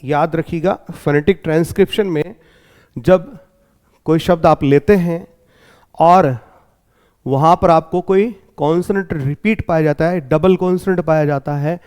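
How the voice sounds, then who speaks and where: An Indian man teaching an exam-prep English lesson, explaining step by step and often asking whether it is clear. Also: fairly high pitch, unhurried, darkish tone. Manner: explains step by step, checks in with 'clear?'.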